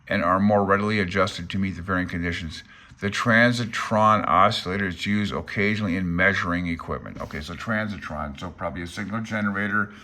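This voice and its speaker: With a fairly low-pitched voice that's bright and forceful, an amateur radio hobbyist presenter reads informally from a handbook. He comments along the way, thinking aloud in an uncertain, self-deprecating manner.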